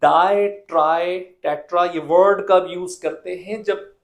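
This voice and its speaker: A man's voice: high-pitched, steady tone, unhurried. A man teaching a chemistry lesson, asking the class questions and answering them himself, and repeating the key rules. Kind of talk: classroom lecture.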